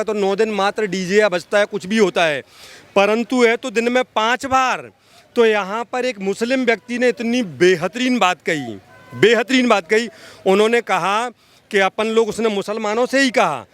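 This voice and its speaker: High, fairly bright, clear, and resonant, a man's voice carries impassioned political opinion during a street interview. He's a social activist, speaking emphatically like an orator and repeating phrases for stress.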